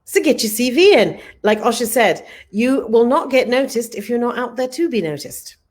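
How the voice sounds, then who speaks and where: A woman's voice: fairly high pitch, expressive, normal speed, a little mellow. A woman hosting a live online talk show, upbeat and effusive as she thanks her guest and viewers. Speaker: host.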